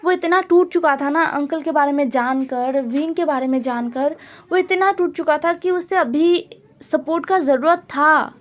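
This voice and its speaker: A woman's voice: high-pitched, normal speed. A woman narrating a fan fiction story in a casual, conversational way with emphatic asides.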